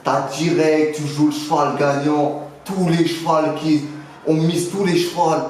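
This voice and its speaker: A man's voice: fairly high pitch, flat delivery, unhurried, darkish tone, close to an everyday voice. Casting: male performer as cocky young street dealer, mock interview, loose French street slang, heavy room echo. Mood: boastful, streetwise. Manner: slangy, rambling, punctuated with filler address words. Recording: very echoey room, faint noise.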